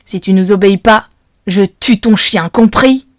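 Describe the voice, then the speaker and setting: A woman's voice: medium pitch, measured pace, dry recording, close to an everyday voice. A woman doing a menacing male kidnapper. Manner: menacing, domineering. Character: gruff threatening adult male kidnapper.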